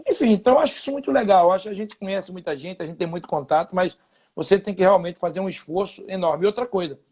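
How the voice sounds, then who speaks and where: A man's voice: high-pitched, fast talker, a little mellow. A Brazilian man in his fifties, a former footballer, telling anecdotes in a casual interview with quoted dialogue.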